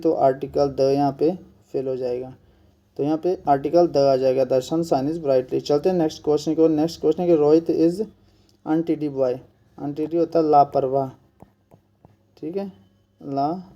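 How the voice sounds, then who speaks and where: A teacher from India gives an exam-prep grammar lesson, slowly repeating each point and answering his own questions. His voice is on the high side, steady and warm.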